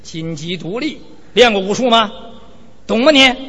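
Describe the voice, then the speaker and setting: A man voicing a rough, bullying male fighter who scolds and threatens. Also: sits high, lively intonation, normal speed, pushed and bright, exaggerated voice. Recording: reverberant hall, dull lo-fi sound.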